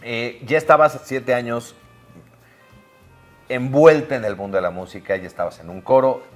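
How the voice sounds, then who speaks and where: A man hosting an interview show in a relaxed, chatty way with plenty of fillers. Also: mid-range voice, moderate pace, faint music behind. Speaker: host.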